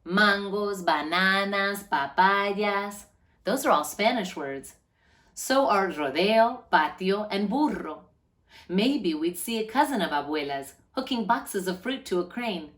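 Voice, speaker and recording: A woman of medium pitch reads a children's picture book aloud, expressive and deliberate like a storyteller. She lingers on key words, drawing them out in an animated way.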